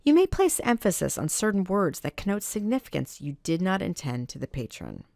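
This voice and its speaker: A low-voiced woman reads a librarian training script in a measured, instructional manner. Her voice has a gravelly edge and moves up and down a lot. The recording is dry and close, with no room sound. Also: big pitch swings, mellow, no room sound.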